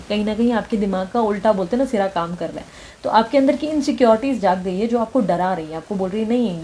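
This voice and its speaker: A woman's voice: medium pitch, warm tone, a little hiss or hum. A woman giving a tarot reading, talking straight to the viewer, mixing in English words and often checking in with the listener. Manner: mixes English words and phrases into her talk. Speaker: tarot reader.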